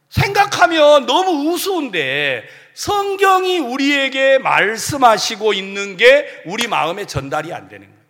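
A man preaching a sermon as pastor, animated and humorous, acting out the voices of churchgoers. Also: high voice. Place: church sanctuary. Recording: long hall reverb.

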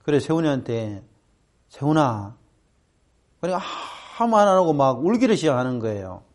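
A middle-aged man speaking to students, telling a personal story and acting out the voices of people in it. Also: fast talker. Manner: animated, acts out quoted voices with big pitch jumps. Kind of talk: storytelling talk.

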